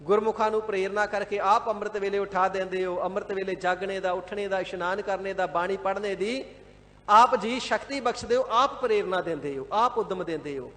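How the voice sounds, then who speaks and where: A man giving a devout, measured scripture sermon, explaining and repeating words one by one and at times chanting a verse. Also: sits high, fairly bright tone, big-room sound. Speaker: Sikh scripture expounder. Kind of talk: line-by-line scripture exposition sermon. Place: large gurdwara hall.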